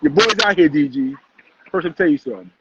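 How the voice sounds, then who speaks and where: A man hosting a casual livestream recap, rambling and animated with constant fillers. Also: on the high side, fast, highs cut off, background noise. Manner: rambling, animated, heavy use of "like". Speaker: host.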